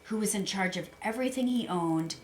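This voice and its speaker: Calm woman reading scripture aloud. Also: medium pitch, brisk. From United States. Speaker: guest reader. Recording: faint background noise.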